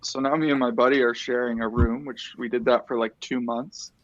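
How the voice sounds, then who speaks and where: A man, chatting casually and telling a relaxed, rambling story with the odd swear word. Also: medium pitch, a little fast, highs cut off, slight background noise. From Ontario, Canada. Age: 30s. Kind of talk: casual chat.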